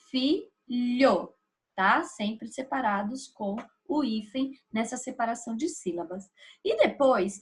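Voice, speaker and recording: A woman's voice: a little high, a bit bright. A woman teacher with a Brazilian Portuguese accent, patiently explaining a grammar lesson step by step and checking in with her students. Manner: patient, explaining step by step with frequent tag questions.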